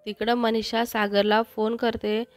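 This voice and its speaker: Woman storyteller, steady scripted read; dry sound, faint music bed. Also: a little high, unhurried, no room sound.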